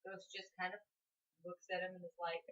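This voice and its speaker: A woman's voice: lowish voice, little pitch movement, brisk, fairly bright tone, far from the mic. A woman co-hosting a podcast, chattily retelling a novel's plot with asides. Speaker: podcast co-host. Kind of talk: casual book discussion. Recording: dull audio, slightly off-mic.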